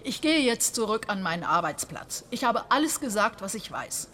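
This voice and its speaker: Defensive female witness for radio crime drama: curt, indignant, medium pitch. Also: big pitch swings, normal speed, a bit bright. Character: indignant, defensive woman witness giving a police statement.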